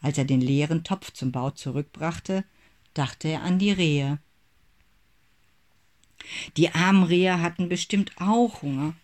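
A narrator reading a children's Christmas story aloud in a measured, expressive way. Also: mid-range voice.

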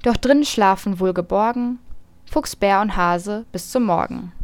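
A woman's voice: medium pitch, no echo. Woman reading a rhyming children's story. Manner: lively rhymed reading, raising her voice for the animals' lines.

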